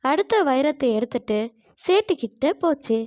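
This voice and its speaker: Woman storybook narrator, fairly high voice, calm and even. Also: normal speed.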